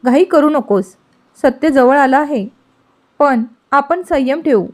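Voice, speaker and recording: A woman reading the part of a calm, protective older male employer in a gentle, reassuring way. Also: high voice, slow pace. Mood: concerned.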